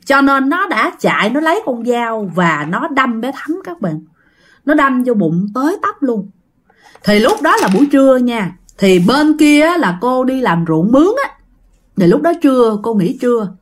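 A woman telling a ghost story in a chatty way, often addressing her listeners. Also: sits high.

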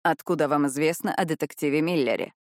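A guarded male detective who speaks slowly in a lowered, quiet voice, as a woman reader plays him. He sounds wary and serious. The recording is dry and close, in the style of an audiobook. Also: steady tone, no echo, close to an everyday voice. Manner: slow, guarded.

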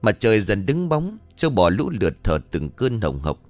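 A man giving a dramatic, expressive reading of a ghost story. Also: lowish voice, normal speed, no echo, soft background music. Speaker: narrator. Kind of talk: scripted ghost story narration.

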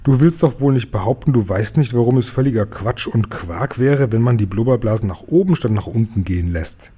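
A man's voice: mid-range voice, expressive, a little fast, mellow, breathy edge. A man voicing a big friendly male giant who boasts and mangles his words, drawn out and exclaiming in a raised voice. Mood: indignant.

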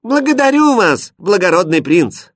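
Storybook princess, young, bored, cheeky, high-pitched, read by a man. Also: sing-song, measured pace, a bit bright, no echo, studio quality, full character voice.

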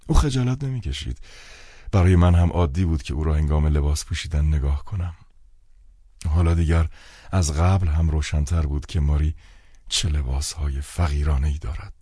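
A man narrating a novel as an audiobook in calm, measured first-person storytelling. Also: extremely low pitch, breathy edge, dry recording, studio quality. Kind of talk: scripted narration.

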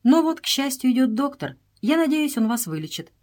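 A woman voicing a polite young boy who speaks gently and with mild teasing in a storybook reading. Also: sits high, sing-song, brisk, voice pushed up.

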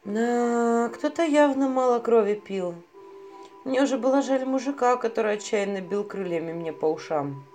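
A woman's voice: a little high, normal speed, a little mellow, soft background music. A woman narrating a first-person story in a wry, mocking manner. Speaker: audiobook narrator.

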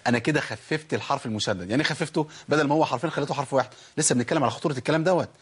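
A man with an Egyptian accent teaching Quran recitation, who asks the class questions, answers them himself, and draws out example words slowly. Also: mid-range voice, slightly rough. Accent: Egyptian Arabic. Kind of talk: tajweed lesson.

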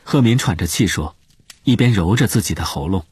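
Low-voiced, animated male audiobook narrator. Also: a little fast, slightly rough, no echo. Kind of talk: expressive scripted storytelling narration.

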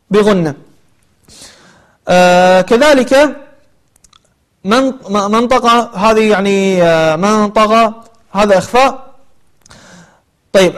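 A man teaching a tajweed lesson, explaining patiently and repeating sounds to correct pronunciation. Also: high voice. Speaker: Quran recitation teacher.

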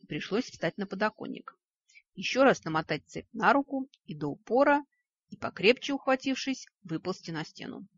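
A woman with a husky, breathy voice tells a fantasy tale in the first person, wry and ironic. It is a dull, lo-fi recording in a dry, close space. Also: on the low side, no echo. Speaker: audiobook narrator. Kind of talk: first-person storybook narration.

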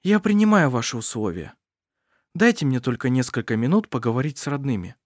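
A man reading the lines of a calm, strong-willed young woman in a hushed, steady voice, in a storybook reading. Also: medium pitch, fairly quick, dry recording, clean studio sound, lightly acted. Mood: calm resolve.

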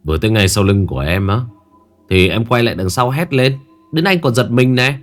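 Calm young husband, low and soothing, voiced by the narrator. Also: male voice, fairly quick, close to an everyday voice.

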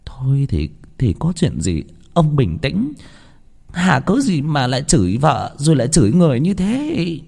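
A man voicing a gentle, meek older wife who speaks softly and hesitantly in a ghost story. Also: mid-range voice, sing-song, creaky, slightly rough, voice pushed up, full character voice. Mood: meek, soothing. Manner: soft, hesitant, halting. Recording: long hall reverb.

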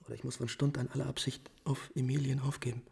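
In a classical German radio drama, a male actor plays an imperious, anxious, quick-tempered prince, delivering abrupt questions and commands theatrically. His mid-range voice is creaky, warm and husky, with little pitch movement. He sounds agitated and suspicious.

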